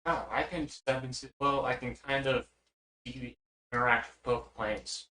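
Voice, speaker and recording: A man's voice: mid-range voice, steady tone, measured pace, sharp tone. A man playing a tabletop game, teasing his friends and swearing casually. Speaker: player. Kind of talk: joking table banter. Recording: roomy sound.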